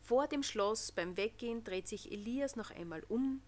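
A woman narrating a children's Christmas storybook in an expressive, gentle manner. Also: a little high, moderate pace, a little hiss or hum. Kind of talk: storybook reading.

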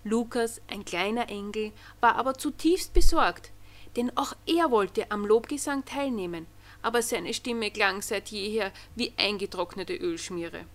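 A woman reading a Christmas storybook aloud in an expressive storytelling manner. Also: medium pitch, a little slow. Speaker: narrator.

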